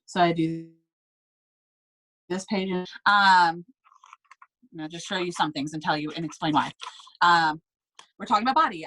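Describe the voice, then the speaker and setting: A woman coaching sellers in a casual, upbeat way, stressing points and checking in with quick tag questions. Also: fairly low pitch, sharp tone, rough recording. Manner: upbeat, emphatic, checks in with "okay?" and "right?". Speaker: direct sales team leader.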